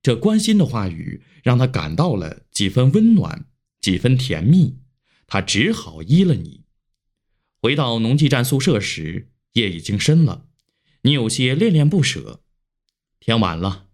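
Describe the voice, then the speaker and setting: Male storyteller, mid-pitched, emotive reading with a wide swinging melody. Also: very animated, unhurried, a little mellow. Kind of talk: expressive story narration.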